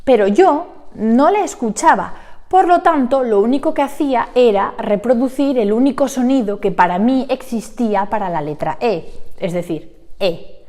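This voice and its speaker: A woman's voice: fairly high pitch, expressive, normal speed, warm tone. A young woman teaching Spanish pronunciation in an online lesson, animatedly demonstrating sounds aloud.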